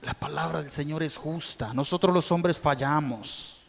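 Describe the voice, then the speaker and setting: A Colombian man preaching a sermon as pastor, questioning his congregation directly and swinging between calm teaching and loud shouted peaks. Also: fairly high pitch, normal speed, vocal fry. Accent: Colombian Spanish. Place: church sanctuary. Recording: long reverb of a church hall.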